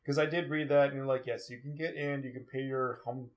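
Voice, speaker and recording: A man's voice: medium pitch, fairly even intonation, fairly quick. A man co-hosting a podcast, talking about video games in a laid-back way and swearing casually. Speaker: podcast co-host. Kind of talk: casual gaming chat.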